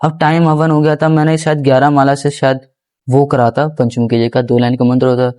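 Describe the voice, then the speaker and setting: A young podcast guest earnestly shares a personal story in casual first person, rambling respectfully with restarts and repeated phrases while often addressing the host as guruji. His medium-pitched voice is level, a little mellow, and slightly fast.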